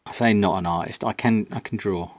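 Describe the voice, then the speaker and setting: A man's voice: lowish voice, fairly even intonation, brisk, no room sound. A man chatting casually on a live stream as he paints a pinball cabinet, self-mocking and sometimes dropping to a near-whisper while he concentrates. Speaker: maker streaming a pinball build. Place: home workshop. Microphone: separate desk mic, not on camera.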